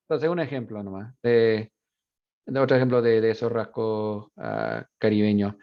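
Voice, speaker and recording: A man's voice: lowish voice, normal speed, gravelly, dull audio. A man teaching a university Spanish class, explaining features of a dialect and mixing Spanish with English. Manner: relaxed, explanatory, with fillers.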